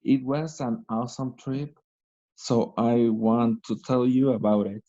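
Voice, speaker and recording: Male student, slow hesitant reader, mellow tone, lo-fi video call sound. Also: medium pitch, steady tone. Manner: hesitant reading aloud, asks about words.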